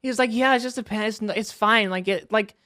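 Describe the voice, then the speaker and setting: A woman's voice: mid-range voice, quick pace, a bit bright, no echo, clean studio sound. A young woman streamer telling a long personal story in casual, rambling talk, swearing and laughing often.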